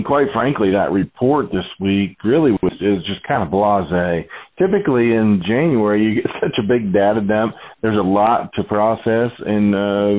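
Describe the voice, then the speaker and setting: A man speaking over the phone as a market analyst guest in a casual interview, rambling with plenty of "you know" and "uh". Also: lowish voice. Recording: tinny phone line.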